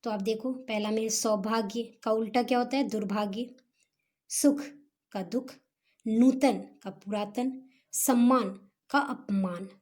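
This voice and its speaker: A woman teacher with a fairly high, mellow voice talks students through their homework answers. She explains patiently and unhurriedly, often mixing English words into her sentences. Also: fairly even intonation. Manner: patient, explains slowly with Hindi-English mix.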